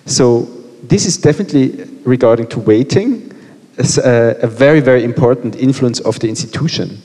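A man in his thirties, a freelance artist, explaining his work in measured terms on a panel, with a headset mic. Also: medium pitch, dark tone, husky. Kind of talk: panel discussion. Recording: reverberant room.

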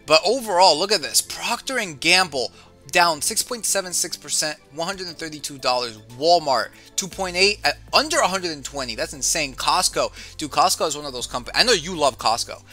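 A man's voice: on the high side, brisk, soft background music. A man hosting an investing show, chatting casually while running through stock prices with a guest. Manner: lively, reads stock figures, says "dude". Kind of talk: casual market rundown chat.

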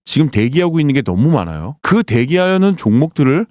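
A man hosting a crypto channel, pitching trades over a chart and firing rhetorical questions he answers himself. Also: sing-song, quick pace, darkish tone, no echo. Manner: emphatic, quizzes listeners with rhetorical questions and answers them himself. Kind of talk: sales-pitch chart walkthrough.

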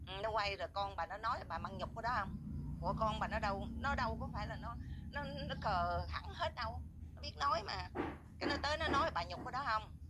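A woman's voice: a little high, quick pace. Angry lady ranting, scolds nonstop, lots of hiss and noise behind her. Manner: indignant, scolding, repetitive. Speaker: viewer voicing complaints. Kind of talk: angry spoken rant.

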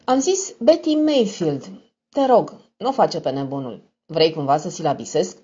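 A woman's voice: sits low, animated, dark tone, husky. Woman reading a cold, weary young woman. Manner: cold, reserved, tired. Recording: dull lo-fi recording.

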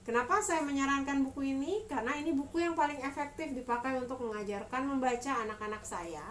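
A woman in her thirties, a mother teaching reading, gives instructions to parents, carefully enunciating each phrase. She talks fast in a high-pitched voice, recorded from a distance. The setting is a small room at home, with clear background noise and room ambience.

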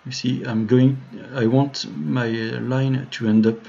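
A man's voice: mid-range voice, little pitch movement, slow, vocal fry, warm tone. A man with a French accent giving a live tutorial on CAD modeling, talking through each step with many fillers and restarts while greeting viewers in the chat. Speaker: 3D modeling streamer. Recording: dull lo-fi home stream audio.

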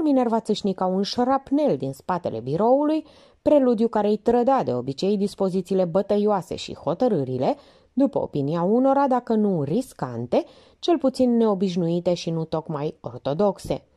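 Woman audiobook reader, expressive, animated delivery, mellow. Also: medium pitch, no echo, studio quality. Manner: expressive, lively reading. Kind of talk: audiobook narration.

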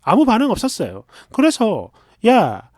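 A man reading a first-person story aloud in a chatty, confiding, expressive way. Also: high voice, moderate pace, dry recording, clean studio sound.

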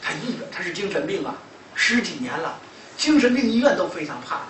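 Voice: medium pitch, very animated, a little fast, a bit bright. A lecturer with a Shandong Mandarin accent tells a story animatedly, acting out conversations and laughing often. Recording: echoey, distant, noisy room recording.

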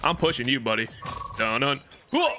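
A man commentating his own gameplay, excitable and trash-talking, swearing often. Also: medium pitch, moderate pace, very noisy. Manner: excitable, swears a lot, trash-talks opponents. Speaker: gaming creator. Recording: loud game gunfire behind voice.

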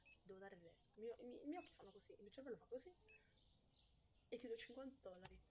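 A woman's voice: fairly high pitch, expressive, quick pace. Chatty woman streamer, noisy recording. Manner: chatty, dramatic outbursts, talks to chat. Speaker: streamer playing a supermarket game. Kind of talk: casual gameplay commentary.

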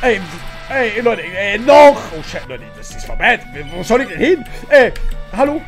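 High, lively woman gaming streamer. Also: a little slow. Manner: swears, chats to viewers and chat. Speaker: gamer streamer. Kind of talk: casual let's-play commentary. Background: faint game music.

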